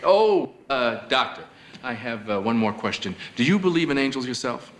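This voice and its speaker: An actor playing a hesitant, wry defense lawyer who questions haltingly in a TV courtroom drama. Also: male voice, mid-range voice, very animated, fairly bright tone, slight background noise. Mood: tentative, wry. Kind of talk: television courtroom drama acting.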